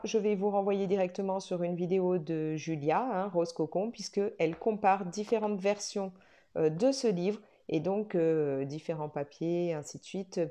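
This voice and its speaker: A woman's voice: mid-range voice, dark tone. A woman vlogger chatting casually about a coloring book, with frequent hesitations and restarts. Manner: hesitant, many fillers and restarts. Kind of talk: casual video chat.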